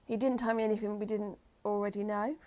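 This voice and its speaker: A woman's voice: medium pitch, level tone, fast talker, darkish tone. A woman from the UK co-hosting a reselling channel, chatting casually with dry jokes and fillers. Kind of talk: casual chat.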